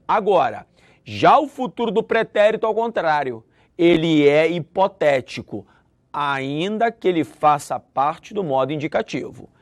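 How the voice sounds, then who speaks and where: Brazilian guy teaching grammar, high voice, dry sound, acts out examples. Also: dry recording. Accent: Brazilian Portuguese. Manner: lively, acts out example sentences with shifting intonation. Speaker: Portuguese teacher. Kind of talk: video grammar lesson.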